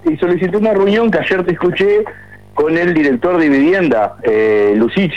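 A man in his forties with a Uruguayan Spanish accent calls into a radio show to complain at length, sounding aggrieved and rambling with many restarts. His voice is fairly high and moderately paced, heard over a muffled phone line on air.

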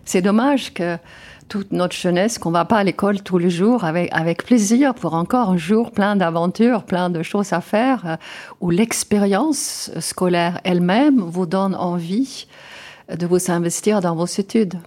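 Answering an interviewer's questions in French, this older Swedish guest carries a Swedish accent and a low, darkish voice. She's reflective, often stopping to pause, fill gaps and restart her sentences.

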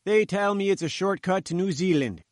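A man's voice: high voice, moderate pace, dry recording, clean studio sound, pitched above the performer's own voice, lightly acted. A man voicing a fat little male reporter who sputters and pleads cheekily. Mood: cheeky.

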